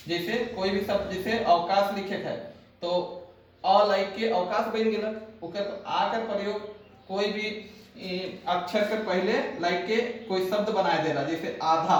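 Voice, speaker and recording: Slow-talking teacher in an echoey room. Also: male voice, high voice, far from the mic. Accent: Nagpuri. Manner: explains step by step, repeating lists and asking checking questions. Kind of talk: exam-prep lesson.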